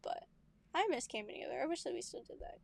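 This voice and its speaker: A young woman co-hosting a podcast tells family stories in a casual chat, laughing often and acting out what people said. Her voice is high-pitched, expressive and creaky, and she talks at a quick pace.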